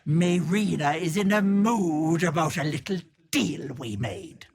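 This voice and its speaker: An actress playing a sinister old hag who poses as a kindly auntie in a video game, cooing mocking endearments in a theatrical way. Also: female voice, low-pitched, unhurried, a little mellow. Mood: sugary, doting. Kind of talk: video game character acting.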